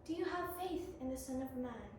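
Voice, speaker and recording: A woman voicing a calm, gentle, authoritative holy man in a dramatic Bible reading, soft and measured. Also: high voice, voice pushed down. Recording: roomy, distant mic, faint noise.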